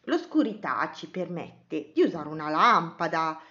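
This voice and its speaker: A woman voicing a brave, cheerful little girl in a read-aloud story, excited and reassuring. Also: deep voice, unhurried, lo-fi sound, pitched below the performer's own voice, heavily acted.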